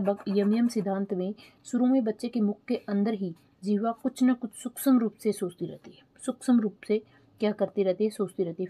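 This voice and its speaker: Soft, mellow-voiced woman teacher. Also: mid-range voice, slightly rough. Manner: explains slowly, repeats key terms, asks checking questions; spells terms out letter by letter while writing. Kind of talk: online exam-prep lesson.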